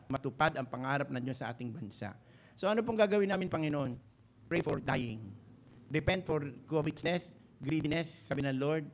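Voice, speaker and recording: A man with a Filipino accent, a pastor preaching a sermon in a fervent style, slowing down to stress lines and breaking into sung prayer. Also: a little high. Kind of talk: Taglish sermon, livestreamed.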